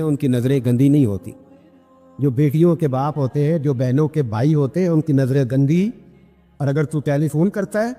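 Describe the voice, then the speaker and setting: A man preaching an impassioned sermon, telling stories and acting out the quoted voices with sudden leaps upward in pitch. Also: long reverb tail. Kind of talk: Urdu sermon with storytelling.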